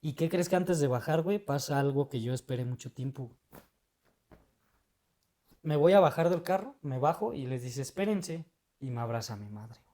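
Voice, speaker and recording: A man's voice: medium pitch, animated, moderate pace, long pauses, dark tone. A young adult man with a Mexican Spanish accent, telling a personal story in casual, emotional, slang-heavy chat, dropping a tag word into nearly every phrase. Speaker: guest.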